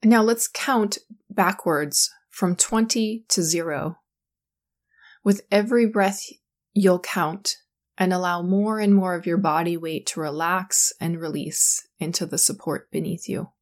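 A woman guiding a sleep meditation in a calm, soothing, slow manner. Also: on the low side. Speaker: meditation guide.

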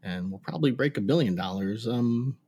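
A man's voice: mid-range voice, animated, fairly quick, dark tone, slightly rough. A man co-hosting a podcast in casual chat, somewhat hesitant and repeating short phrases. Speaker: podcast co-host.

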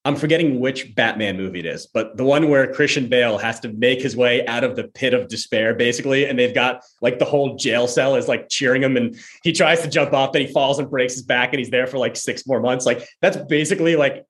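Mid-pitched man reflecting casually. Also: brisk, few pauses. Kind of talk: casual chat.

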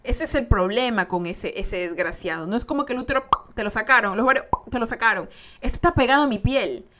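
A young woman with a somewhat high voice tells her own story in a loose, casual podcast manner. She talks with blunt emphasis and doesn't shy away from swearing. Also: animated, fast talker, noisy background. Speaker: podcast host.

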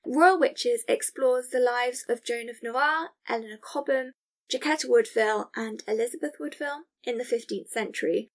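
High-pitched woman hosting a podcast. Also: normal speed. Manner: effusive, enthusiastic. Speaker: podcast host. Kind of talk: warmly scripted, chatty podcast introduction.

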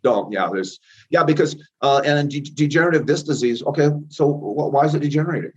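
The guest on this call is an energy healer in his fifties whose darkish voice runs on the high side and moves briskly. Muffled and set against soft background music, his casual interview answers are emphatic, repetitive, and self-assured.

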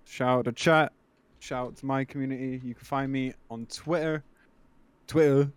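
Male streamer guest, mid-pitched, crisp and dry sound, informal and a little halting. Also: steady tone, no echo. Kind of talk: casual chat. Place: remote online group call.

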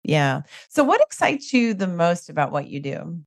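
A middle-aged woman hosts a casual podcast chat in a scratchy, fairly low voice. She talks chattily and laughs easily. The sound is dry and close, with no room behind it. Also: very animated, normal speed, no echo. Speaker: podcast host.

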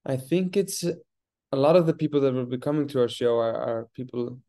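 Warm in tone and medium in pitch, an Icelandic theater artist in his twenties talks at a moderate pace as a guest on a casual interview podcast. He's thoughtful, with lots of restarts and repeated words.

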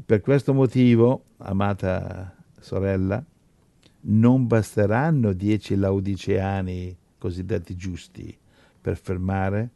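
Gravelly, low-voiced man preaching. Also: fairly even intonation, takes it slowly, warm tone, no room sound. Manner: exhorting, with many repeated restarts. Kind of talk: sermon and Bible study.

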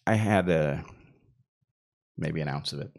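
A man's voice: a bass voice, unhurried. A man casually telling a long personal anecdote, rambling and circling back with fillers as he goes. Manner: rambling, self-interrupting with fillers. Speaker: storyteller guest.

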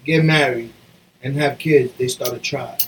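A man's voice: medium pitch, fairly even intonation, measured pace, distant mic, a little hiss or hum, poor audio. Slangy man speaking from off-mic. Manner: streetwise slang, rambling explanations. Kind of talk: casual podcast banter. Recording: voice a bit off-mic.

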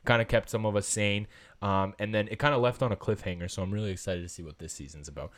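A man's voice: lowish voice, fairly even intonation, fast talker. A man co-hosting a casual sports podcast, upbeat and enthusiastic. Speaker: podcast co-host.

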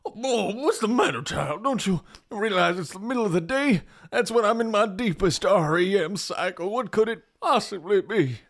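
A man's voice: sits high, animated, moderate pace, few pauses, a bit bright. An actor playing a folksy, rambling middle-aged town drunk father, cheerful and dim, in a comic audio drama. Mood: groggy, grumbling.

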